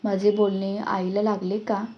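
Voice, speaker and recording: A woman's voice: medium pitch, flat delivery, a little slow, highs cut off. Woman narrating a storybook.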